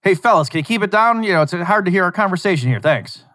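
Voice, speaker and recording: A man's voice: mid-range voice, fast, slightly rough, no echo, close to an everyday voice. A man voicing an adult man on a date who curtly and politely scolds some noisy kids. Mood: exasperated. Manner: curt, exasperated, politely scolding. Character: irritated grown man on a date, curt.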